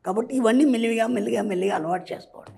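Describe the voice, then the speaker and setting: A man's voice: very high voice, rapid-fire, creaky, warm tone, husky. A man, speaking as a spiritual money coach in an interview. He lectures emphatically and keeps asking if the listener understood.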